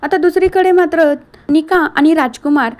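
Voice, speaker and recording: A woman with a high voice recapping a TV serial episode in a casual, chatty way. She walks through the plot step by step and strings events together with frequent connecting words. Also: normal speed, a little mellow.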